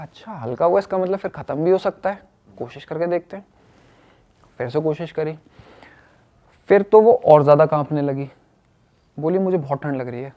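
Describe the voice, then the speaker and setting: A young man casually telling a personal story, animated and acting out what others said. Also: a little high. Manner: animated, acts out quoted speech.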